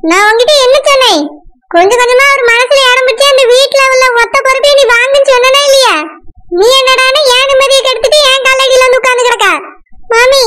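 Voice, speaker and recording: A woman voicing a scheming, sharp-tongued middle-aged village mother in a cartoon, with a Tirunelveli Tamil accent and a scolding manner. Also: very high voice. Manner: scolding, nagging. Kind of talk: cartoon voice acting.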